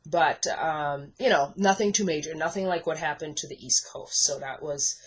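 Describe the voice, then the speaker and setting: A woman's voice: low-pitched, moderate pace, husky, low-quality recording. A young woman from the Bahamas, casually walking through her scrapbook pages at a craft desk at home, chatty with many ums and self-corrections. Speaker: scrapbooking vlogger. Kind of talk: casual show-and-tell walkthrough.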